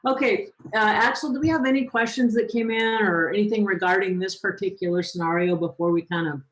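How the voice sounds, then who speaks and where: A woman hosting a live Q&A who asks quick follow-up questions and encourages callers. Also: mid-range voice, rough recording. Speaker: host. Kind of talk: live Q&A coaching.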